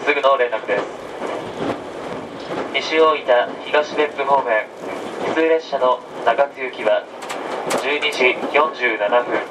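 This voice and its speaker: A man working as a train conductor, making formal, measured and polite onboard announcements. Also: far from the mic. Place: inside a moving train carriage. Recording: train PA from afar, loud carriage rumble. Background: train running noise.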